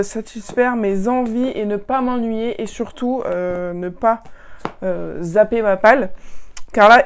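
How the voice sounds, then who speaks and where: A woman book vlogger talking casually through her monthly reading wrap-up, pausing with many fillers and restarts. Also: medium pitch, darkish tone, clear, resonant tone.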